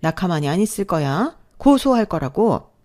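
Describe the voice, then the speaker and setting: A woman's voice: lowish voice, big pitch swings, normal speed, dark tone. A woman voicing a greedy, brazen stepmother who talks in a pushy, demanding way, read as storybook dialogue.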